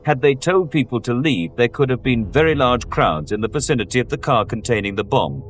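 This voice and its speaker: Lively male archive news reporter. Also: medium pitch, brisk, slight background noise.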